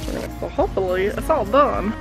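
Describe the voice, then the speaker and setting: A woman's voice: medium pitch, animated, quick pace, creaky, low-quality recording. A young woman vlogging a casual cooking how-to, chatty and self-deprecating with lots of ums and likes. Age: young adult. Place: home kitchen and backyard grill. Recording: background music under voice.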